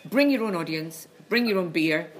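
A woman's voice: on the low side, expressive, moderate pace. A woman chatting casually and emphatically, bluntly and with some swearing, in a small, echoey concrete venue. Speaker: co-host and venue owner promoting shows. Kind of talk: casual rambling banter and announcements. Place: small echoey venue behind a charity shop. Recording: echoey concrete room, clear background noise.

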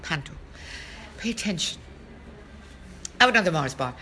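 A woman's voice: on the low side, lively intonation, moderate pace, pushed and bright, slight background noise. A woman co-hosting a podcast, telling a story in a chatty, wry, teasing way. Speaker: podcast co-host. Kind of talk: casual chat.

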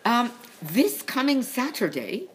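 A woman with a fairly high, very animated voice talks slowly, chatting casually and emphatically, bluntly and with some swearing. As co-host and owner of a small, echoey concrete venue behind a charity shop, she rambles through banter and announcements promoting shows. The room's echo is obvious, and background noise comes through clearly.

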